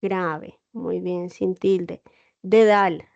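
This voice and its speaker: A woman teaches an online class, explaining patiently and checking in with her students. Her mid-range voice is dark and measured, picked up by a computer mic on a video call with dull lo-fi audio.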